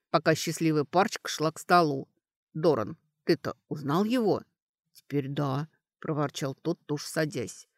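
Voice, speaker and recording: An audiobook narrator giving an expressive, lively reading of a fantasy novel. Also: medium pitch, no echo, studio quality.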